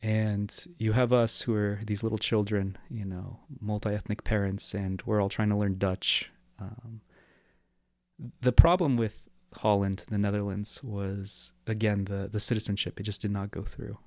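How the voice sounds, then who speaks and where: Podcast guest, man in his twenties, measured and reflective, fairly low pitch, little melody. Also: no echo, clean studio sound. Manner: reflective, steady, explanatory. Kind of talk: casual interview talk.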